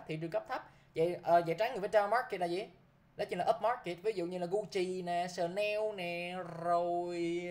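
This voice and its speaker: A man teaching English vocabulary to a class, who keeps checking with his students by repeating a short prompt. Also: sits high.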